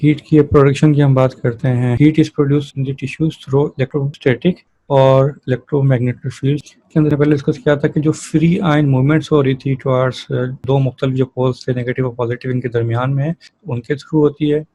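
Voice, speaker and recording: A physiotherapy lecturer, male, speaks in a mid-range, dark-toned voice with a level delivery, moderate pace and few pauses. His style is didactic: he reads technical terms aloud, then explains them in plain language. The audio is poor, with no room sound.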